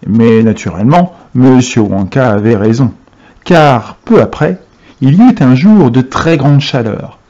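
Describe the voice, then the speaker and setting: Man reading a children's novel aloud, expressive, lively pitch, mellow dark tone, muffled recording. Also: unhurried. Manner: expressive storytelling. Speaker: reader for a class.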